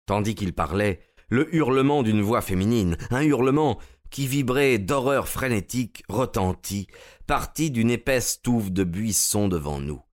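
A man reading a classic detective story aloud in measured, steady scripted narration. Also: fairly low pitch. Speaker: audiobook narrator.

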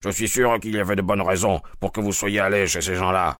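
A man voicing a calm, firm, composed detective in an audio drama. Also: sits low, brisk, no echo, studio quality. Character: calm, commanding male detective.

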